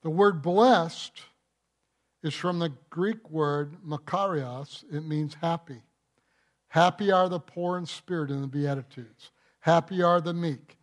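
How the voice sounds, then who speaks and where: Male pastor, slightly high voice, unhurried delivery, emphatic sermon with rhetorical questions. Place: church.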